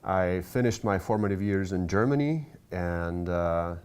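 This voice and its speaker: A man from Russia, a university language instructor, answering as a studio guest on a local TV interview in a measured, precise way. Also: sits low, darkish tone, smooth.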